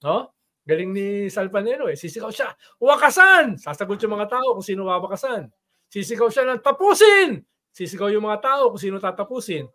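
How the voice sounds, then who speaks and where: A man with a notably high voice talks casually about politics, spinning long stories. He keeps dropping tag questions to check the listener is following. He gets animated as he speaks. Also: brisk. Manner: storytelling with frequent "no?" tag questions; animated, voice rises when quoting chants. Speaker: political commentator guest.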